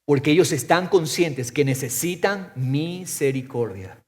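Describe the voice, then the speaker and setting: A man preaching a sermon as pastor, firing off rhetorical questions and swinging from loud to soft. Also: a little high, a little slow. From Ecuador.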